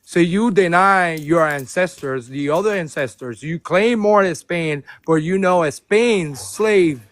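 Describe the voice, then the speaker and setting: A man's voice: a little high, unhurried, no echo. A man from Rico, calling into a live stream and arguing with passion, often repeating himself. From Puerto Rico. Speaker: caller. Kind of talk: heated debate on a live stream.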